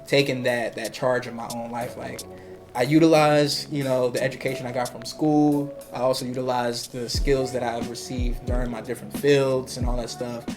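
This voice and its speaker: A young man from New York co-hosting a podcast, speaking in a relaxed, motivational way and saying "you know" often. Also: mid-range voice, normal speed, over music. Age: young adult. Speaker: podcast co-host. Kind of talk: casual podcast chat.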